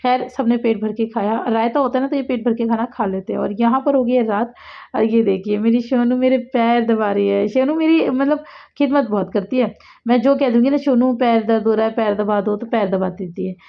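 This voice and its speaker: Chatty high-voiced mom vlogging at home. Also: female voice, fairly quick, vocal fry, dull audio. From India. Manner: chatty, rambling, says "matlab" often. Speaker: vlogger and mother. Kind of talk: casual home vlog chat. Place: home kitchen and rooms.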